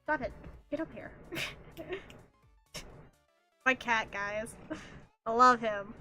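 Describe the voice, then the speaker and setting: Giggly, bright-voiced woman streamer. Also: expressive, extremely slow. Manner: giggly, rambling, talks to her cat in a playful high voice. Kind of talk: casual gameplay streaming chat. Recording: faint background music. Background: soft background music.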